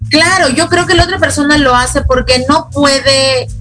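A woman's voice: high-pitched, moderate pace, a bit bright, faint music behind. A woman co-hosting a casual talk, chiming in conversationally with hesitant restarts. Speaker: co-host.

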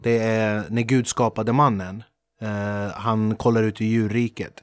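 A man's voice: lowish voice, dry recording. Playful joking male podcast host. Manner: playful, joking, animated interviewer. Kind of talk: casual chat.

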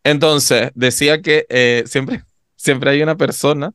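A man co-hosting a podcast in casual chat, expressive and full of little tag questions. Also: mid-range voice, a little slow, clear, resonant tone, dry recording, studio quality. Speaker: podcast co-host.

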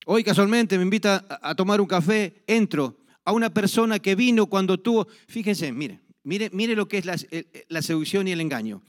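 A man's voice: high-pitched, lively intonation, moderate pace, hardly any pauses. A middle-aged man preaching a sermon, telling personal stories and acting out the dialogue with frequent restarts.

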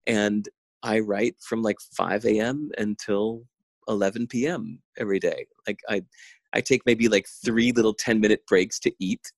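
Low gravelly man, intense. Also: moderate pace, dry recording. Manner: intense, enthusiastic, laughs often. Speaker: podcast guest. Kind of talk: casual conversation. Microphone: remote call.

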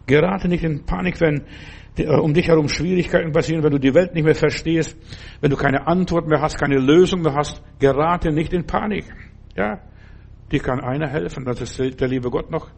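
Gravelly older German-speaking preacher. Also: male voice, on the high side. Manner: repetitive, earnest, exhorting; drops to soft, slow reassurance at times. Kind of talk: sermon.

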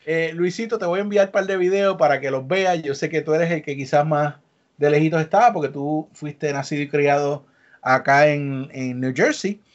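A chatty man hosting a casual podcast, keeping the talk moving. His voice sits a bit high for a man. The audio is dull and lo-fi. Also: steady tone, normal speed. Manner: chatty, upbeat, leading the talk. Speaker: podcast host.

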